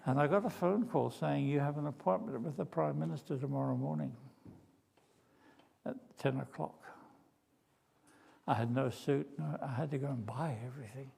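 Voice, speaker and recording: Older preacher with a gravelly voice. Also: male voice, mid-range voice, normal speed, long pauses. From Australia. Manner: animated, dramatic storytelling with acted quotes and humor. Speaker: pastor. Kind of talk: sermon storytelling. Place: church.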